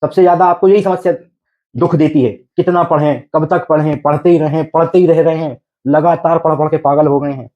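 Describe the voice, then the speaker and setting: A man lecturing students in a coaching class, his voice sitting a little high for a man. He keeps asking rhetorical questions and checks again and again that they follow. His delivery is patient and repetitive. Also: steady tone, fairly quick, lo-fi sound. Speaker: teacher.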